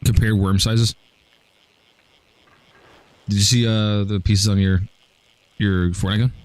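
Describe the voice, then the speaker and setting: Joking low-voiced man streaming. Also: little pitch movement, slow pace, clean tone, dry recording. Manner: joking, chatty, frequent stammered restarts. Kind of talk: casual livestream chat while gaming.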